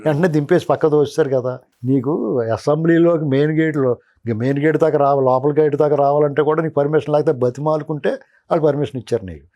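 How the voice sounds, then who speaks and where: A man's voice: on the high side, steady tone, quick pace, warm tone. A middle-aged man, a political analyst, giving heated commentary in an interview, rhetorically scolding a politician as "you".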